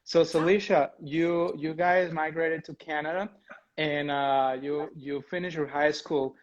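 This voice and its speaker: A man's voice: fairly high pitch, steady tone, a little slow. Upbeat male host on a dull line. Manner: enthusiastic, upbeat. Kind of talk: livestream interview.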